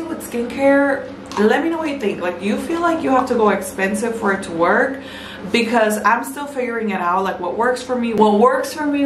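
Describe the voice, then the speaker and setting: A woman talks her way through a skincare routine in a relaxed, chatty way. She leans on "like" and drops Spanish phrases into her English. The small bathroom gives her voice a noticeable echo, and there is a steady background noise. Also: mid-range voice. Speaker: vlogger. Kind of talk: casual skincare vlog chat. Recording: echoey room with background noise.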